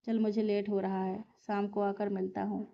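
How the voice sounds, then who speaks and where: Curt, hurried young man, read by a woman storyteller, flat delivery, slightly dull recording. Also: medium pitch, creaky, a little hiss or hum, lightly acted.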